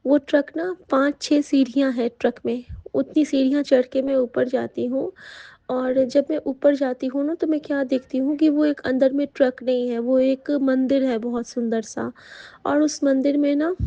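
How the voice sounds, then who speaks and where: A woman speaks in a high but level voice, giving a heartfelt devotional testimony to her congregation. Her tone is mellow and the sound is dry and a little muffled. She hesitates often with soft fillers. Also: gravelly, no room sound. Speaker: devotee sharing a satsang testimony. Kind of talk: devotional testimony, addressing the sangat.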